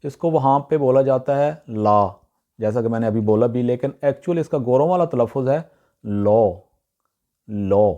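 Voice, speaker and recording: A man giving a casual spoken lesson on pronunciation, pausing with fillers and repeating each word slowly. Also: medium pitch, highs cut off. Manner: relaxed, repeats words slowly with many fillers. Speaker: pronunciation teacher.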